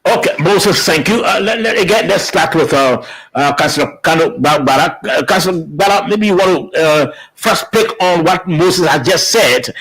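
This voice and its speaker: A man hosting a radio talk show, speaking haltingly with many restarts. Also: on the high side, lively intonation, a bit bright, breathy edge, low-quality recording. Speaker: radio host.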